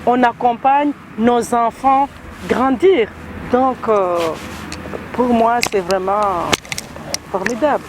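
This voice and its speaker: A middle-aged woman in a documentary interview, speaking slowly and deliberately outdoors. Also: fairly high pitch, slight background noise. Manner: slow and deliberate. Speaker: parent in the group.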